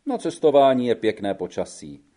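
A male narrator voicing a quiet young Italian working man who answers in short, awkward replies. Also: mid-range voice, big pitch swings. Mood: reserved.

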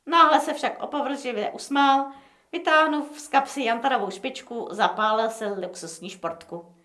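A woman narrating a story aloud in an expressive, playful reading voice. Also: a little high, echoey room.

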